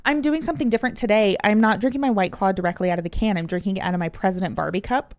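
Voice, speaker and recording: Rambling, excitable woman podcaster. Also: medium pitch, rapid-fire. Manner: rambling, excitable storyteller, jumps between tangents. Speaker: podcast co-host. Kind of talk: casual chat.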